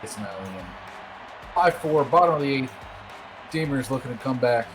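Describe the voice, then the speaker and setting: A man's voice: mid-range voice, lively intonation, moderate pace, over music. A man giving casual play-by-play commentary on a baseball game, with scratching in the background. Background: scratching and scraping noises.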